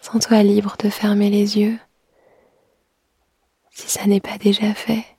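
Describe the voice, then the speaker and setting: A woman guiding the listener in an intimate ASMR style, speaking softly and breathily right into the ear. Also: medium pitch, completely flat delivery, slow, slightly rough, no room sound. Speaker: guide of an erotic audio session. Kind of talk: intimate ASMR guided narration.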